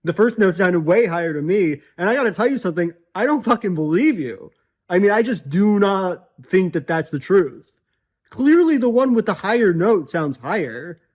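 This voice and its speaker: A man's voice: sits high, animated, moderate pace, darkish tone. A man in a played video clip, talking casually to camera in an exasperated, self-mocking way. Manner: exasperated, self-mocking, acts out imagined voices.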